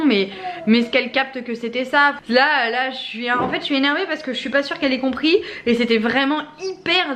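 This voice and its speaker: A woman's voice: fairly high pitch, fairly bright tone, a little hiss or hum. A young adult woman chatting casually in a family vlog at home, with lots of fillers and an exasperated tone. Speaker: family vlogger. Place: home, kitchen.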